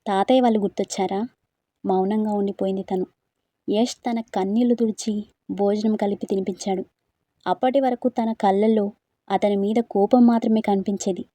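A woman narrating a scripted story in a steady, even reading voice. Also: mid-range voice, no echo.

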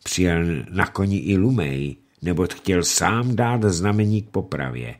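A man narrating a novel aloud for a radio reading, in an expressive, dramatic way. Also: low-pitched.

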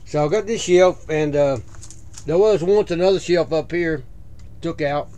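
A man giving a casual walkthrough of his small greenhouse, plain-spoken and listing things with frequent "uh" pauses, recorded on a head-mounted camera. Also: fairly high pitch, warm tone. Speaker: video creator giving a greenhouse tour. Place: small greenhouse at night, indoors. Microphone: head-mounted action camera.

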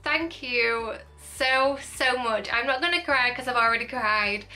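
A young woman chatting excitedly to camera in a thrift haul vlog, gushing and rambling, with faint music behind her. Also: on the high side, measured pace. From United Kingdom.

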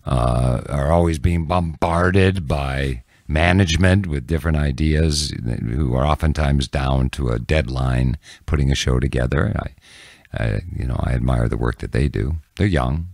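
A podcast guest in his sixties, a news anchor and reporter, gives casual, reflective interview answers in a candid, halting manner. His voice is extremely deep and crackles with vocal fry. The recording is dry and close, made on a boom-mounted studio mic in a small, dim indoor podcast room.

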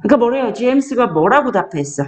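A woman tutoring a child one-on-one, coaxing the child along and reading sentences out slowly before explaining them. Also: a little high, animated.

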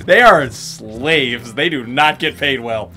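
Lively joking man, bright voice. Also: medium pitch, slow pace. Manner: joking, profane banter. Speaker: co-player of a video game. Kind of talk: casual gaming chat.

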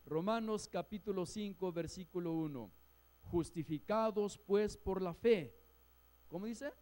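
Man, high voice, pastor from Mexico, sermon, storytelling with loud-soft swings. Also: a little slow. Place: church hall.

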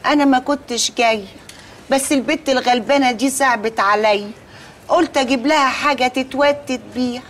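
Sitcom auntie for an actress: high, brash, Egyptian, teasing sing-song banter. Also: female voice, brisk, a little hiss or hum, close to an everyday voice. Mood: cheeky. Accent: Egyptian Arabic. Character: brash folksy middle-aged aunt, loud and doting. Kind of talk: sitcom acting.

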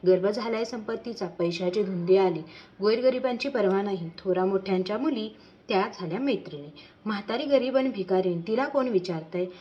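A scolding old beggar woman with a grudge, as a female storyteller puts her on, told like a storybook tale, spoken in a plain, even voice that barely strays from the narrator's own. the sound is slightly dull and muffled. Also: medium pitch, brisk, natural voice. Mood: bitter scolding. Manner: scolding, bitter. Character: angry old woman, a goddess disguised as a beggar.

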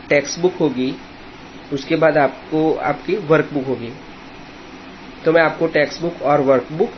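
Slow, patient man teaching. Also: a little high, highs cut off, a little hiss or hum. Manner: spells words letter by letter, slow and patient. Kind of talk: classroom English lesson.

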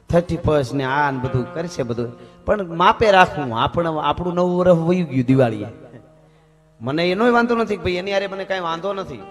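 A man holds forth from a stage in a high, ringing voice. He talks in an emphatic, preachy way and breaks into chuckling asides. A soft instrument plays faintly behind him. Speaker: folk stage performer. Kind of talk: live stage talk to an audience.

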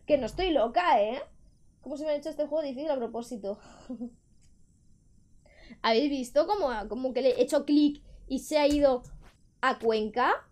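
A woman's voice: high-pitched, moderate pace, pauses often, darkish tone. A young woman with a Spain Spanish accent, chatting on a live gaming stream, frustrated and swearing at the game.

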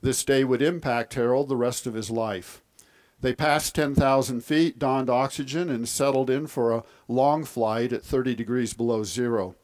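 A man who is an author and speaker, giving a scripted historical presentation in a measured storytelling delivery. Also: mid-range voice, fairly even intonation, darkish tone.

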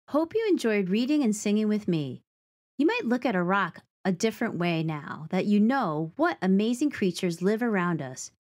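With a mid-range voice and expressive, clear phrasing, a woman reads a children's picture book of rhymes and nature facts aloud.

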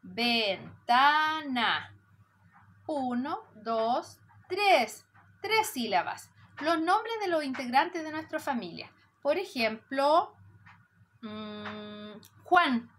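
A woman teaching preschoolers, patient and warm, stretching out syllables as she counts them. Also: sits high, expressive, takes it slowly. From Chile. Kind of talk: slow lesson for young children.

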